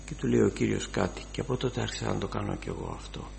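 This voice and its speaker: An older man preaching a sermon, fervent, his voice rising to loud exclamations. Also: fairly low pitch, huge pitch swings, vocal fry, a little hiss or hum.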